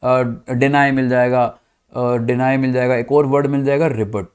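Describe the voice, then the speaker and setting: Male Indian teacher, mid pitch, Hindi-English vocabulary lesson, spells words out, checks in with the class. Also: flat delivery, moderate pace. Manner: addresses students as "bachcha party", checks "clear?".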